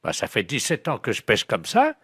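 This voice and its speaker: A man playing a nonchalant middle-aged angler in a phone prank, casual and deadpan. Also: medium pitch, moderate pace, slightly rough, dry recording, studio quality, heavily acted. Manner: casual, unbothered, deadpan absurd.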